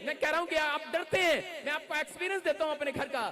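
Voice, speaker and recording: A male pastor preaching a fervent sermon, moving between storytelling and shouting. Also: very high voice, fast talker. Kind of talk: Pentecostal sermon. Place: church service. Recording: live church recording with crowd noise. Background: congregation audible.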